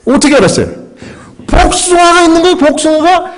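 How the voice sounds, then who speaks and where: A middle-aged man, a pastor, telling a story in a sermon, acting out his own prayers and shouts on his English lines. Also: very high-pitched, fast.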